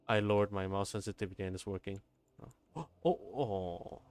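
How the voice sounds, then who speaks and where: This game streamer's voice is fairly low and darkish, at a moderate pace. He keeps up casual, informal talk during his livestream, often thinking out loud and saying the same phrases again.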